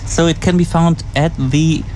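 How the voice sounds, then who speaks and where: A male radio host with a slightly high voice talks casually on location. His phrasing is halting and non-native, and clear noise sits behind him. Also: fairly even intonation, warm tone. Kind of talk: casual on-site radio interview. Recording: clearly noisy camp background.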